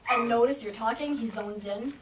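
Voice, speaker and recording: Confident woman trainer heard from afar. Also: a little high. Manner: confident, explains with quick acted-out dog thoughts. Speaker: shelter animal trainer. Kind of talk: teaching a group of volunteers. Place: indoor room at an animal shelter. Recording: distant camera mic, faint noise.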